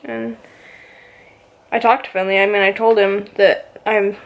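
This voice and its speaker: A woman's voice: medium pitch, little pitch movement, unhurried, vocal fry. A woman vlogger casually telling a personal story, rambling and filling her talk with "you know" and "like".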